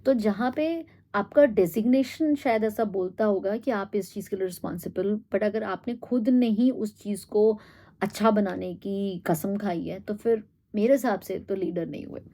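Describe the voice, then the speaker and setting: A woman giving a reflective monologue, thinking aloud with pauses and fillers and mixing in English phrases. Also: medium pitch, dark tone. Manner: thoughtful, pauses with fillers, mixes Hindi and English. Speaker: host.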